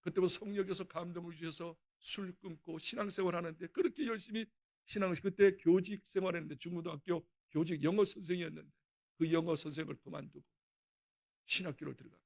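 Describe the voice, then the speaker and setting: A middle-aged male pastor preaching a dawn prayer sermon, telling a story and acting out quotes with sudden loud outbursts. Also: a little high, vocal fry.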